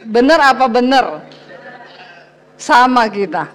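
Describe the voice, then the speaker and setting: A woman pastor preaching a sermon as a lively personal story, speaking straight to the congregation and laughing often. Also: a little high, slow pace. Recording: long hall reverb.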